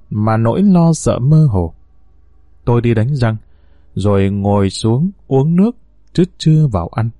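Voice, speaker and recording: A man's voice: medium pitch, mellow, dry recording. A man telling a first-person ghost story in a tense, earnest way.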